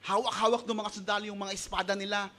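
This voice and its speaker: A male pastor with a Filipino accent preaches an animated sermon in a high, bright voice that is clear and forceful. He talks fast, blends Tagalog with English, and acts out the voices of those he quotes.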